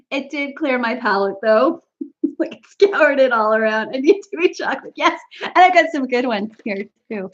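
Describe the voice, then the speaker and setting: On a slightly dull, lo-fi stream, a Canadian woman hosts a casual live snack tasting. Her high, animated voice moves at a moderate pace as she chats and giggles with her viewers.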